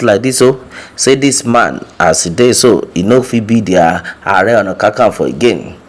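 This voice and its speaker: A Nigerian man giving informal news commentary, repeating points for emphasis and addressing his listeners directly with hesitation sounds. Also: lowish voice.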